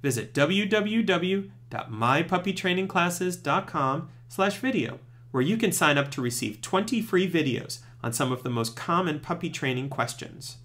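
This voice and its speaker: Male presenter for scripted tutorial narration. Strongly varied intonation, pitch a touch above average, clear instructional delivery. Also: lively intonation, moderate pace, a bit bright. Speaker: presenter of puppy training tips.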